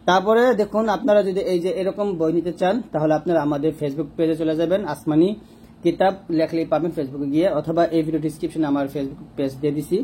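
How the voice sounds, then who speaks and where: A man teaching Quran reading, slowly drilling and repeating each letter sound with drawn-out vowels. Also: on the high side, mellow, breathy edge. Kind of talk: spoken tutorial lesson.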